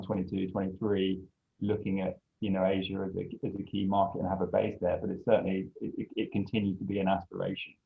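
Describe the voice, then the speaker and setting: Low gravelly man on a tinny line. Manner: halting, many restarts. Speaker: design studio principal. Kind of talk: panel discussion.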